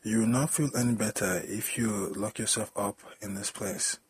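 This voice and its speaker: A man's voice: on the low side, steady tone, moderate pace, husky. A man reading the lines of a young adult male co-worker who talks in casual street slang. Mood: coaxing.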